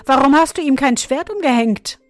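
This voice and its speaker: A woman's voice: a little high, fairly quick, no room sound, faint music behind, natural voice. A woman voicing a cheeky young boy who teases his godfather, in a storybook reading. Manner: brash, teasing.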